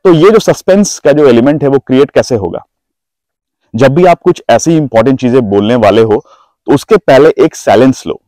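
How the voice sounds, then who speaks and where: A male presentation trainer explains voice use in a mid-pitched, steady teaching voice. He draws out and stresses single words to show how emphasis works, recorded dry and close. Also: no echo, low-quality recording. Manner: drawn-out, stressed words when demonstrating emphasis. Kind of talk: instructional talk.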